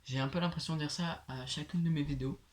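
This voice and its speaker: A young man with a slushy lisp, his s sounds slurring toward sh, presenting casually and haltingly like a home vlogger. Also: a little high, steady tone. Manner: halting, hesitant, filler-heavy. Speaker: host of a comic book collection video series.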